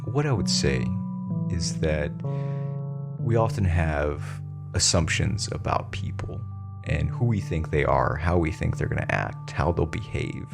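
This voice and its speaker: Co-host, man, very deep and gravelly, hesitant and reflective, guitar music clearly behind. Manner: halting, thoughtful, many fillers. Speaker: podcast co-host. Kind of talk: casual podcast chat.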